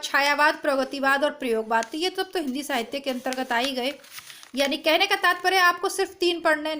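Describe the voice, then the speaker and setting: Recorded at home without a proper mic, just a phone or built-in device with a little hiss or hum, this woman teaches Hindi exam prep in an informal lesson to camera. Her high, hoarse voice sounds strained, pushed and bright as she chats reassuringly through the syllabus, speaking straight to her students.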